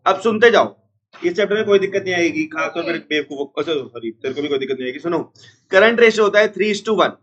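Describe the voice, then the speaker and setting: A man teaching an accounts class, unwell with a strained chest, repeating formulas slowly and scolding noisy students. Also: a little high, expressive, fairly bright tone, lo-fi sound. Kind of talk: classroom lecture.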